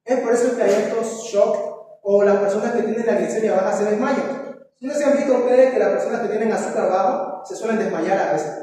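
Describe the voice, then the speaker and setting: This male teacher's voice is high-pitched and warm, and it sounds distant in an echoey hall with faint noise. He runs a classroom review, putting questions to his students and ending lines with "¿no?".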